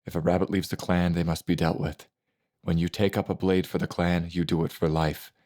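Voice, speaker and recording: Man voicing a stern, deep-voiced assassin mentor. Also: level tone, mellow, no room sound, studio quality, natural voice. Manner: measured, stern, fatherly. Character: grave middle-aged male assassin mentor. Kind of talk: audiobook character voice.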